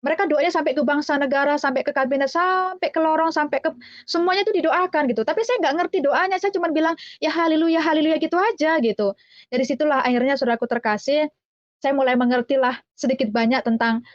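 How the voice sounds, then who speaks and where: High-voiced woman telling her testimony. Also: no room sound, lo-fi sound. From Java, Indonesia. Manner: chatty, addresses listeners as dear brothers and sisters; acts out quoted voices, sings hymn lines slowly. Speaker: testimony speaker. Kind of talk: personal testimony storytelling.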